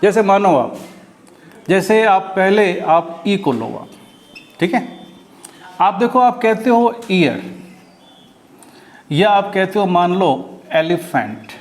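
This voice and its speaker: Man from India, high-pitched voice, English grammar teacher, patient explaining, frequent rhetorical check-ins. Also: animated, slow pace, long pauses. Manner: repetitive, checks in often with rhetorical questions. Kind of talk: classroom grammar lesson.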